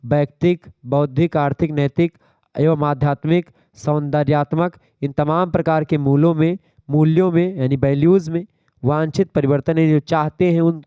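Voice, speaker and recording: Mellow-voiced male teacher revising for exams. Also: a little high, clean tone, no room sound, highs cut off. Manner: explains terms and checks understanding with the class. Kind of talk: exam revision lecture.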